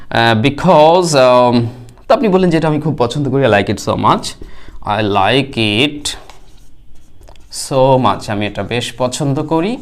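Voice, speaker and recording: A man's voice: medium pitch, smooth. A middle-aged man teaching spoken English at a whiteboard. He explains step by step and acts out learners' broken answers. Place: classroom.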